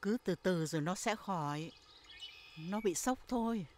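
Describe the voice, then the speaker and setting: An actress playing an older grandmother, calm and advising. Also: fairly low pitch, a little slow, slight background noise. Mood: reassuring. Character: calm, wise old village grandmother. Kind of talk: TV drama acting.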